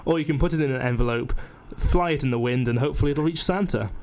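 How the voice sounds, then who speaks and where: A man's voice: mid-range voice, fast talker, a little mellow. A young man co-hosting a casual radio show in a studio, playful and bossy. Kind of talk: casual banter on student radio.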